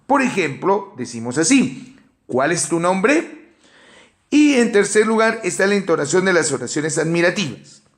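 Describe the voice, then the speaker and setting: A man with a Peruvian Spanish accent giving a measured academic lecture, working through a numbered list of points. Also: high voice. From Peru. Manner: measured explanatory delivery with enumerations and fillers. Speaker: teacher.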